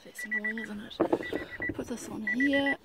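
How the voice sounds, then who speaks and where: A vlogger stands outdoors beside a car by a suburban road, chatting casually and matter-of-factly. Her voice is a little high with wildly swooping pitch, and she speaks slowly. Passing vehicles and roadside noise can be heard.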